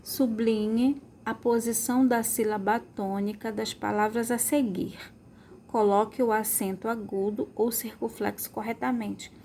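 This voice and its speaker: A woman's voice: on the high side, fairly even intonation, measured pace, warm tone, slight background noise. A woman teaching a remote school lesson, stretching out words to model their sounds and checking in with pupils often.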